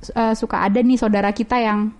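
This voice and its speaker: Animated woman telling a ghost story. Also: on the high side, brisk, slight background noise. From Medan, Indonesia. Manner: animated storyteller who acts out quoted dialogue.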